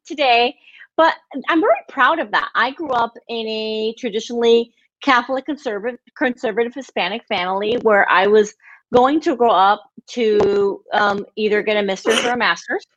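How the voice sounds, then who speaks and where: A woman from Miami, Florida, a guest in an interview, telling her life story in a warm, proud way. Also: on the high side, moderate pace, muffled recording. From Miami, Florida, United States. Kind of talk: casual interview chat.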